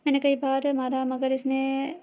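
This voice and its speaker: A woman's voice: high-pitched, monotone, close to an everyday voice. A woman reading as a bossy old mother-in-law. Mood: scolding. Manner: scolding, domineering. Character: harsh older mother-in-law, bossy and spiteful. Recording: dull lo-fi audio.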